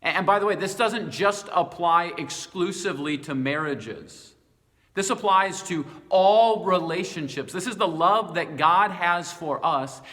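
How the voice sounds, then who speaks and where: A man's voice: high-pitched, a bit bright. A middle-aged male pastor giving a short devotional talk, earnest and personal with light self-deprecating humor. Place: church sanctuary. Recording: long reverb from a large room.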